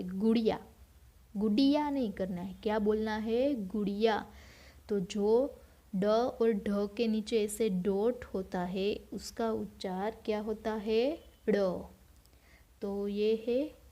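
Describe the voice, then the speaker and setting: A woman's voice: mid-range voice, warm tone. A woman teacher giving a recorded lesson to young children, patiently repeating words and asking questions that she then answers herself. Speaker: school teacher.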